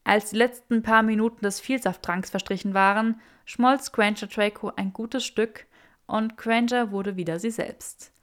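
A woman narrating a story as an audiobook in a steady, expressive reading. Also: mid-range voice, unhurried.

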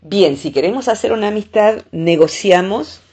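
A woman with a Rioplatense Spanish accent, talking through ideas in a casual podcast chat, often pausing on "eh". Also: mid-range voice, expressive, darkish tone, husky. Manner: thoughtful, explains with many filler "eh"s.

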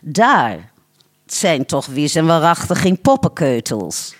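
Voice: mid-range voice, sing-song. A reader putting on a haughty rich lady. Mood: scheming. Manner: languid, self-satisfied, drawn-out. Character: wealthy, haughty older woman with dogs.

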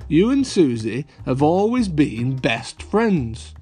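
A man's voice: on the high side, big pitch swings, slow, dark tone, husky, soft background music, exaggerated voice. Man as a genial, blustering father pig. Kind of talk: children's cartoon storybook read-aloud.

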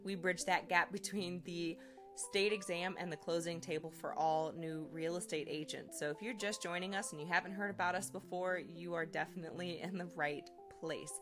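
A woman's voice: on the low side, fairly even intonation, normal speed, music in the background. A woman hosting a podcast, talking in an upbeat, persuasive, coaching way. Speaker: podcast host, realtor. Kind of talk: conversational podcast monologue.

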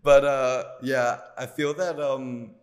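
A man co-hosting a loose, casual podcast chat. He jokes sarcastically and breaks into laughter often. His voice sits at a middling pitch. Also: level tone, takes it slowly, clean tone. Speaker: podcast co-host.

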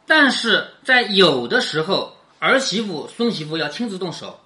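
A woman's voice: fairly low pitch, very animated, moderate pace, sharp tone. A woman teaching a class, reading a classic novel aloud and explaining it line by line while checking in with questions.

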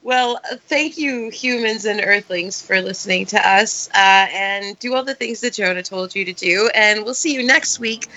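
Bubbly bright-voiced woman podcaster. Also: mid-range voice, moderate pace, hardly any pauses, low-quality recording. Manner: bubbly, giggly. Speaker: podcast co-host. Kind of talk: casual podcast chat.

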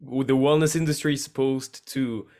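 A man's voice: medium pitch, fairly even intonation, normal speed, mellow. Hesitant man hosting a casual chat. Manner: hesitant, many restarts. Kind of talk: casual interview conversation.

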